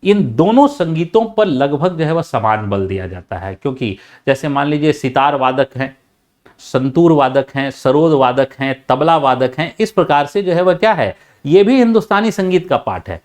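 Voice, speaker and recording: Male teacher, explanatory lecture, animated pitch, lots of fillers and restarts. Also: moderate pace. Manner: frequent filler phrase, repeated restarts; demonstrates loud and soft speaking.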